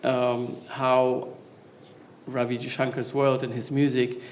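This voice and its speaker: A man from Spain, a scholar on a panel, speaking conversationally with many hesitations and growing more animated as he goes. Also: medium pitch, slow, slight background noise. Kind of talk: conversational talk on stage. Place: talk venue stage.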